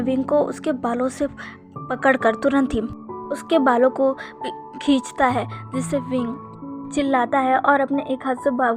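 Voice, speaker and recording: A woman narrating a fan fiction story in a steady retelling manner. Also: high voice.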